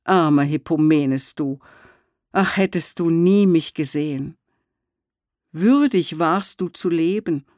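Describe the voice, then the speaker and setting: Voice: mid-range voice, slow pace, darkish tone, dry recording, studio quality, lightly acted. A reader voicing a proud young huntress. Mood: torn, lamenting. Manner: solemn, declaiming verse.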